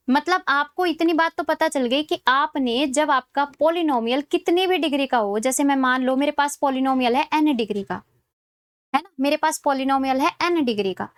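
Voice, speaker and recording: High-voiced woman teaching maths, slow and patient. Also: no echo, studio quality. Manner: explains step by step, checking in with "है ना?" and "ठीक है?"; slows right down to dictate formulas. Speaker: maths lecturer. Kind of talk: exam-prep lecture.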